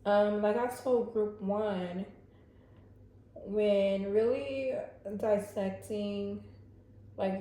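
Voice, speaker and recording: Woman tarot reader talking straight to her viewers, relaxed and chatty, recorded in a very echoey room. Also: medium pitch, a little hiss or hum. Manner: chatty, speaks straight to viewers, lots of "like" and "you know". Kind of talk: casual pick-a-card tarot reading.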